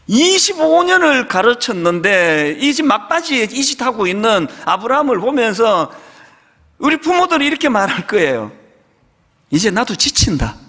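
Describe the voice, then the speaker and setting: A middle-aged man preaches from the pulpit in a loose, conversational way, acting out the lines of the people in his story. His voice sits high and swings widely in pitch. A long church-hall reverb trails behind every phrase. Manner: conversational, animated storytelling, acting out quoted dialogue. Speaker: pastor. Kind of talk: sermon with storytelling. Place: church sanctuary.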